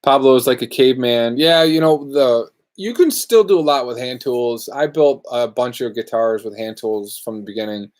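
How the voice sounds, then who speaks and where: With a medium-pitched, darkish voice, this man hosts a live luthier Q&A from his workshop, moving at a moderate pace with few pauses. He's easygoing and rambling, chatting casually as he takes viewer questions.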